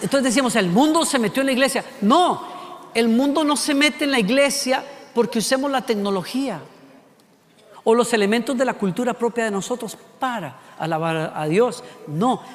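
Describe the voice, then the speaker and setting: Costa rican guy preaching, high voice, lots of questions, echoey hall. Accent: Costa Rican Spanish. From Costa Rica. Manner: rhetorical questions, shifting pace and loudness for emphasis. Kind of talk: sermon.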